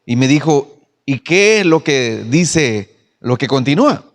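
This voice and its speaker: A man, a pastor telling a story with animated, acted-out dialogue in a church panel talk. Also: medium pitch, unhurried, big-room sound.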